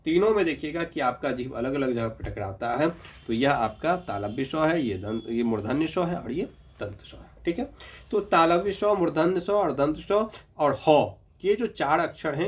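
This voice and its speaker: Brief: slightly high-voiced man, patient teacher, sounds out each letter slowly. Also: lively intonation. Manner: patient, repeats sounds slowly, checks in with "ठीक है"; addresses viewers as "Babu". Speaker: Hindi grammar teacher. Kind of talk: explanatory lesson.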